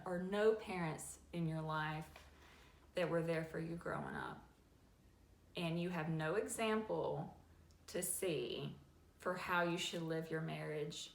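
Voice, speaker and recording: A woman hosting a faith-based advice talk, folksy and animated. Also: on the low side, gravelly. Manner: folksy and animated, acts out little scenes. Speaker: host. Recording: echoey room with faint ambient noise.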